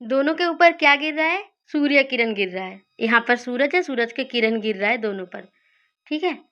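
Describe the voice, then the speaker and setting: Woman w a high voice going over memory tricks, repeats words, asks herself stuff, kinda dull lo-fi sound. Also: expressive, a bit bright. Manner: repeats key words slowly, asks and answers her own questions. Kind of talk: explaining study mnemonics.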